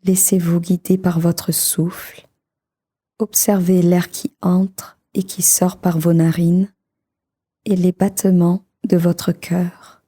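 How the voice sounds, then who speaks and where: Speaking in a soft voice on the low side that sometimes goes breathy, a woman leads a guided meditation for sleep. Her manner stays calm, soothing and measured.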